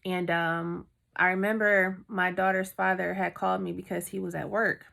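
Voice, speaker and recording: A woman's voice: on the low side, little pitch movement, moderate pace, creaky, pushed and bright. A woman vlogger telling a heartfelt story time in a chatty way, full of fillers.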